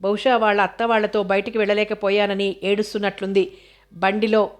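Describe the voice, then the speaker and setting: A woman's voice: mid-range voice, level tone, fairly quick, close to an everyday voice. Woman voicing a soothing, caring nursemaid.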